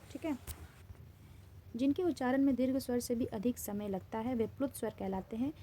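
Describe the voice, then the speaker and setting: A woman's voice: fairly high pitch, mellow, a little hiss or hum. A woman Hindi grammar teacher with an Indian accent, giving a classroom-style lesson in which she poses questions and then answers them, repeating key terms.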